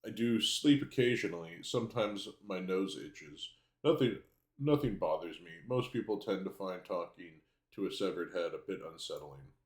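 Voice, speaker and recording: A low-pitched, chatty severed head, played by a man reading game dialogue aloud. It speaks in courteous archaic phrases and sounds entirely unbothered by having no body. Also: moderate pace, reverberant, natural voice. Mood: content. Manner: archaic, polite, unbothered speech. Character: cheerful, talkative severed head of a male assistant.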